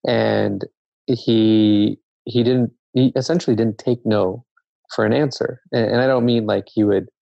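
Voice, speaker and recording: A man from Zambia speaks as a guest in a casual conversation, reflective and measured, often circling back to restart a thought. His voice is low, dark and gravelly. The recording is dry and dull, with a lo-fi sound. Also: steady tone, no room sound.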